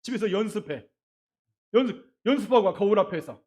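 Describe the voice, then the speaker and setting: A middle-aged man, a pastor, preaching a sermon in a church, acting out quoted voices and swinging between loud and soft. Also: high-pitched, expressive, fairly quick. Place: church sanctuary.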